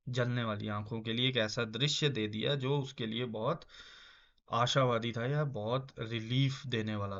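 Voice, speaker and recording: A male teacher with an Indian English accent, walking students through word meanings at a very unhurried pace. He repeats terms and chuckles as he explains. The recording sounds dull and lo-fi. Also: mid-range voice. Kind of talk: casual vocabulary lesson.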